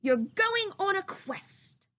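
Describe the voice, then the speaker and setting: A woman voicing a grave, scholarly, alarmist male owl from a children's storybook, with drawn-out solemn delivery. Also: very high voice, big pitch swings, pushed and bright, voice pushed up, exaggerated voice. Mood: grave warning.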